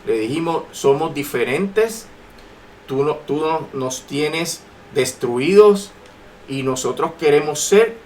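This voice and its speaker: This noisy AM talk radio clip features a Puerto Rican man as a guest delivering forceful political commentary, repeating phrases to drive his points home. He speaks slowly in a slightly high, animated voice with a Puerto Rican accent.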